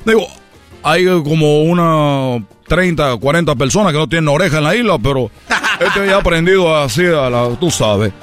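A man telling a comic story and acting out characters with sudden high shouts. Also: lively intonation, moderate pace, soft background music.

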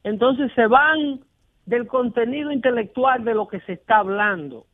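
A man's voice: very high voice, moderate pace, dry recording. A man hosting a radio talk show, arguing emphatically and mimicking callers in quoted voices. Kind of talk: animated radio debate. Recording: dry, phone-like broadcast audio.

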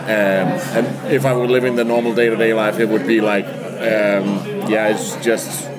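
A man chatting casually as a podcast guest in a pub, telling travel stories in a halting, reflective way. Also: on the low side, flat delivery, over loud music, poor audio. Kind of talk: casual chat.

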